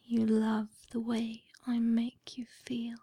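Female performer as seductive, adoring dream woman; sultry whispered role-play, breathy, very unhurried, little variation in pitch. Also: monotone, warm tone, dry recording, exaggerated voice. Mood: sultry, soothing. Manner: sultry, slow, intimate narration.

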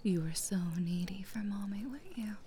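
A woman speaking in a soft, coaxing, teasing whisper close to the mic, as in an intimate audio roleplay. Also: mid-range voice, lively intonation, moderate pace, slight background noise.

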